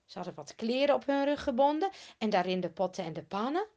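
A woman's voice: on the high side, expressive, quick pace, mellow, lo-fi sound. A woman telling a Bible story to children, asking her young listeners questions as she goes.

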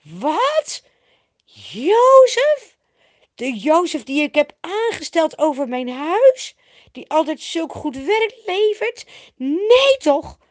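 A woman's voice: very high-pitched, very animated, takes it slowly, voice pushed up, heavily acted. A woman voicing a stern master of the house who angrily banishes his servant. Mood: outraged. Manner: loud, indignant outbursts. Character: stern master of the house, grown man, outraged.

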